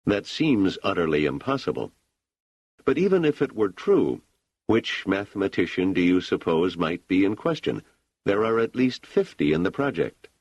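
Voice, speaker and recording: A man's voice: low voice, sing-song, moderate pace, dry recording, lo-fi sound. A man voicing a blunt, skeptical grown son. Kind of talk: audiobook character voice.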